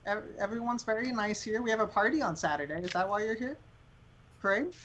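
A woman's voice: medium pitch, fast talker, a bit bright, slight background noise, close to an everyday voice. A woman playing a very old, frail, affable king in a tabletop game, talking in a chatty, offhand way. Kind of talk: tabletop role-play.

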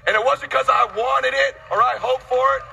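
A man's voice: extremely high pitch, fairly even intonation, moderate pace, creaky, sharp tone, long reverb tail, a little hiss or hum, poor audio. A man in his late forties giving a blunt, intense motivational speech on sales, swearing freely as he preaches. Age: 40s.

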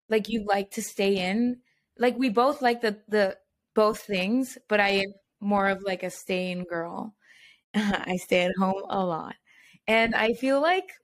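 A woman in her twenties, a native Spanish speaker, chatting casually as a podcast co-host. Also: medium pitch. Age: 20s. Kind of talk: casual chat.

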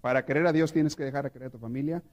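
A man's voice: medium pitch, racing. A man, a priest, teaching a prayer course to a live group, telling stories and asking his listeners questions. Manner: animated storytelling, asks the audience questions.

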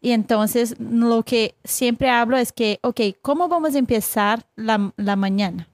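A young Brazilian woman, a guest coach, speaks Spanish as a second language with a Brazilian Portuguese accent, halting and searching for words in casual interview talk. Her voice is on the high side, and the recording is dry.

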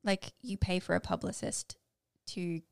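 A woman's voice: on the low side, fairly even intonation, unhurried, vocal fry. A young woman co-hosting a podcast, candidly telling personal stories in casual chat. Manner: candid, personal storytelling with fillers. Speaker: podcast co-host.

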